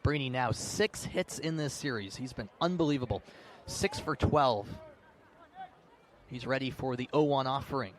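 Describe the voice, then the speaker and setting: A man with a high, slightly bright voice calls live radio play-by-play from outdoors at a ballpark or sports field. He describes the action in detail and raises his intensity for big plays, with faint background noise from the outdoor broadcast.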